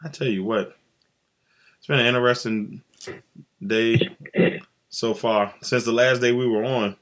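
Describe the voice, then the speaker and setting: A man hosts a sports podcast in a relaxed, joking way. His voice is bright and forward. He keeps up an easy banter with his cohost. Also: mid-range voice, measured pace. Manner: laid-back, joking, chatty with cohost. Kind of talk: casual sports podcast chat.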